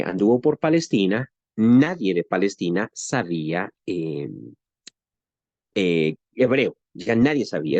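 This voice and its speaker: A man's voice: medium pitch, darkish tone, no room sound, lo-fi sound. A man from Guatemala with a western Guatemalan Spanish accent, teaching a Bible lesson in a conversational way, asking rhetorical questions and often adding "¿no?".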